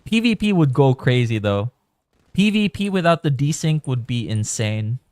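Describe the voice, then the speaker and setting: A man's voice: mid-range voice, big pitch swings, normal speed, a little mellow, dry recording, studio quality. A man from the Philippines giving casual, rambling commentary while live-streaming a game. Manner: chatty, rambling, thinking aloud.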